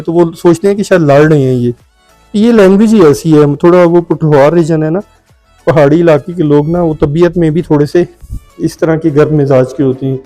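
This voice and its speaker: A man's voice: a little high, dark tone. A man with a Pakistani Urdu accent, talking casually as he walks through a house for sale, drifting into side stories and often checking in with "theek hai". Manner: chatty, digressive, often adds "theek hai". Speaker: vlogger touring a house for sale. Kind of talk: casual walk-through commentary. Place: indoors and on a rooftop of a house.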